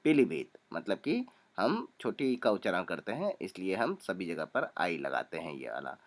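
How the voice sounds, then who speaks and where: A young man teaching a spelling lesson, calmly spelling out names letter by letter and repeating each one. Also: low-pitched, moderate pace.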